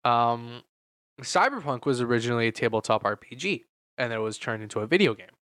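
A man's voice: mid-range voice, lively intonation, fast talker, a bit bright, no room sound, studio quality. A man co-hosting a casual chat, loose and talkative, often eating while he speaks. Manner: chatty, eats while talking, laughs often. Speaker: podcast co-host.

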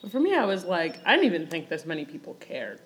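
A 21-year-old woman from Kenya, raised in Michigan, chatting as a podcast guest, full of fillers and quick laughs. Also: fairly low pitch, wildly swooping pitch. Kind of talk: casual podcast conversation.

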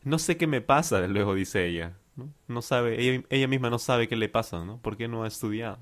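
A man with a Peruvian accent explaining phrases as a language teacher, slowly and patiently, repeating phrases and listing synonyms. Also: mid-range voice. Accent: Peruvian Spanish. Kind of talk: explaining vocabulary.

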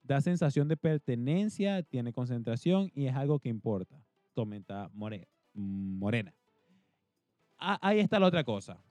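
A man with a Venezuelan accent, co-hosting a podcast, energetic and talkative in casual chat. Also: mid-range voice, moderate pace, no room sound, faint music behind. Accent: Venezuelan Spanish. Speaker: podcast co-host.

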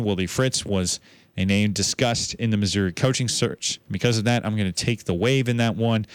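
A man hosting a sports show, running through college football bowl predictions in a brisk, confident way. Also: lowish voice, clean tone, no echo. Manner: brisk, confident picks with a self-correcting aside.

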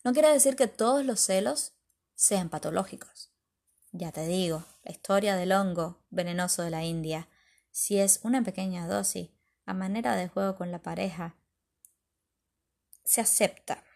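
A woman's voice: mid-range voice, normal speed, gravelly. A woman hosting a chatty advice podcast, reading listener comments and telling jokes. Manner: chatty, tells jokes, animated voice. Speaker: podcast host.

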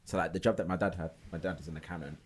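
A man's voice: low-pitched, fairly even intonation, racing, slightly rough. A man, chatting casually and reflectively.

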